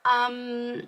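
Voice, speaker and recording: Chesty, bright-voiced woman chatting through makeup. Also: on the high side. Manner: chatty, thinking aloud. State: chesty from a week-long cough. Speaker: beauty vlogger. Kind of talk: casual product review chat to camera.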